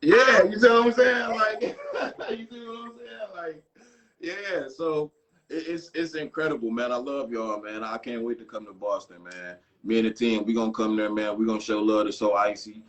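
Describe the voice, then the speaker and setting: A man's voice: medium pitch, moderate pace, poor audio. A man from Detroit, a guest in a casual interview, talking in a hyped, slangy way. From Detroit, Michigan. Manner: hyped, slangy, laughs a lot.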